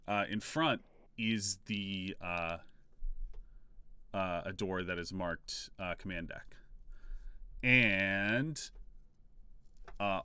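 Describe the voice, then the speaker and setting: Slow, forceful low-voiced man running a game. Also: dry recording. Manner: laid-back, halting narration with frequent pauses. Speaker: game master. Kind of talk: narrating a tabletop role-playing game.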